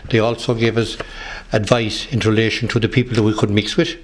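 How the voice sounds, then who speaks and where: A man in his sixties with a west of Ireland accent, recalling his working life in an interview in a halting, hesitant way. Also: fairly low pitch, level tone, a little hiss or hum. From Galway, west of Ireland. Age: 60s. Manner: halting, hesitant delivery with repeated words. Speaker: interviewee, retired police officer. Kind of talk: recollection in an interview.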